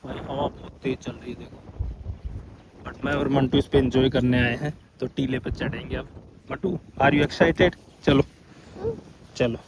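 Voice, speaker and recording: A man with a hoarse, scratchy throat narrating a casual outdoor vlog as he walks over dunes and up a forested hill, chatting to his viewers. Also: medium pitch, steady tone, measured pace, pauses often. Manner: chatty, keeps calling viewers "brother". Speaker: vlogger.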